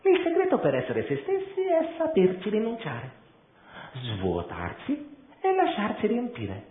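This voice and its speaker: A man's voice: sits high, huge pitch swings, measured pace, slight background noise, pitched above the performer's own voice, heavily acted. A man voicing an alluring, free-spirited female chameleon who talks in a teasing, dreamy way. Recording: tinny echoey room.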